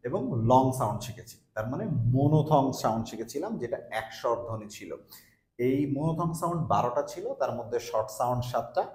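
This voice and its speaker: A man teaching English pronunciation, modelling each vowel sound slowly and repeating it several times. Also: mid-range voice, a little mellow, echoey room. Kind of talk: phonetics lesson, modelling sounds.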